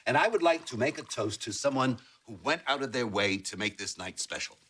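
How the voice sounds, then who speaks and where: A grumpy older grandpa. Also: male voice, medium pitch, expressive, fairly quick, fairly bright tone, slightly rough. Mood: wry. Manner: dry, grumbling wisecracks. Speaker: grandfather in a sitcom. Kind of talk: sitcom acting.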